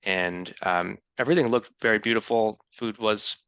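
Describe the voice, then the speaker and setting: A man's voice: lowish voice, moderate pace, fairly bright tone, clean tone, dry recording, highs cut off. A man with an American accent giving practical, explanatory advice in casual chat as a podcast co-host.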